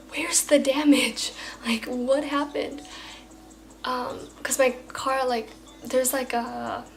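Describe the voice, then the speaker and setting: A woman's voice: a little high, poor audio. Chatty young woman telling a story. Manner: chatty, animated retelling with lots of fillers. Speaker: vlogger. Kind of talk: casual storytime vlog.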